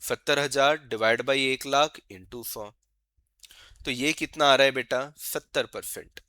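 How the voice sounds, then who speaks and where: A man giving an exam-prep lecture, coaxing his students and asking questions he answers himself, and slowly reading out formulas as he writes them. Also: mid-range voice, bright, forceful tone, clear, resonant tone, no echo. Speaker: teacher.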